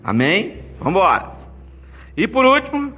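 A man preaching a lively marriage sermon, joking and calling out to the congregation as he acts out little scenes. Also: high-pitched, unhurried. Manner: animated, jokey, calls out to congregation. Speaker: pastor.

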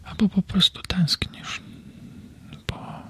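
Man in his thirties, slow ASMR whisper. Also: a bit bright. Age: 30s. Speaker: ASMR creator. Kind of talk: whispered ASMR comfort talk.

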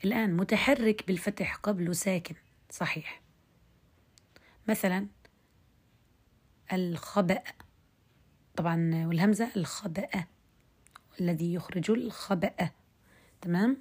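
Woman teaching recitation online, slightly husky low voice, keeps asking if it's clear. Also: a little mellow. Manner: explains step by step, checks understanding with quick questions; recites example words drawn out for demonstration. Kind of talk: recorded online lesson.

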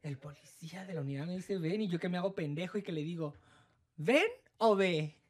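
A woman, telling a story in casual chat, animated and theatrical, adding sing-song sound effects. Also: lowish voice, fast talker.

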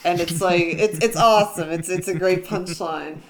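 A woman's voice: fairly low pitch, steady tone, moderate pace, slight background noise. A woman co-hosting a podcast, talking easily about movies and laughing often as she recounts scenes. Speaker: podcast co-host. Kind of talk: casual movie review chat.

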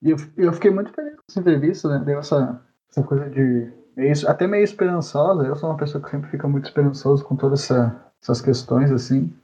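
A man's voice: a little high, fast, few pauses, mellow. A Brazilian man chatting casually as a podcast co-host, on a dull lo-fi recording. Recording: dull lo-fi audio.

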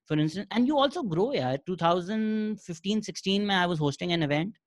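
A man's voice: high voice, animated, fast talker, no room sound, clean studio sound. A man with a Pakistani accent chatting casually as a podcast host, switching between English and Urdu. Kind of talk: casual conversation.

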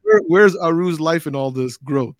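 A man's voice: a little high, normal speed. A middle-aged man hosting a podcast, asking loose, friendly questions. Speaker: podcast host. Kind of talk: casual interview chat.

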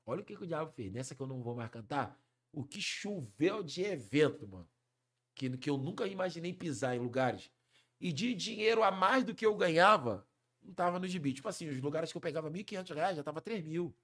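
A man, a funk singer telling a story as a podcast guest, slangy and animated, acting out the voices of the people in it. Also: on the high side, a little fast. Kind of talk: storytelling in a casual podcast chat.

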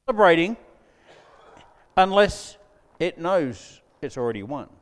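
High-voiced pastor preaching. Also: male voice, sing-song, a little slow. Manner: conversational, joking asides to congregation. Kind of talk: sermon. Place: church hall. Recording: long hall reverb.

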